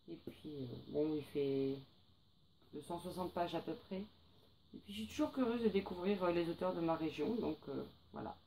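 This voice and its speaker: In a warm, fairly low voice, a young woman talks through her latest book purchases for a casual haul vlog. She hesitates often and uses fillers, and the rough recording has some slight background noise.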